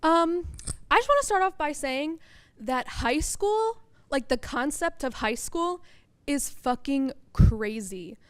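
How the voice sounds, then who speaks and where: High-voiced young woman doing stand-up. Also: animated, slow pace. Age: young adult. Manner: blunt, self-deprecating, casual swearing. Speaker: stand-up comedian and student. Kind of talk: stand-up comedy set. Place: college comedy show stage.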